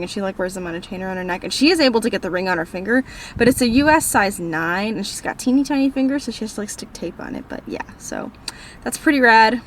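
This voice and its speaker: A teenage girl from Minnesota, speaking with a northern accent, rambles cheerfully through viewer questions while vlogging about books from a parked car. Her mid-range voice is a bit bright, and she comes across as bubbly and self-deprecating, with a little hiss or hum on the audio.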